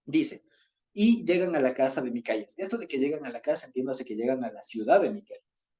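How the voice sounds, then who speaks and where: A man leads a Bible study, reading passages aloud and frequently checking in with his listeners, chuckling as he explains. His voice is medium in pitch with a darkish tone, and his delivery is animated and brisk.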